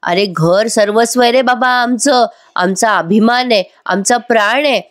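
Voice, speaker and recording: A woman's voice: mid-range voice, normal speed, lightly acted. A woman voicing a furious scolding mother. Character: angry, proud middle-aged mother.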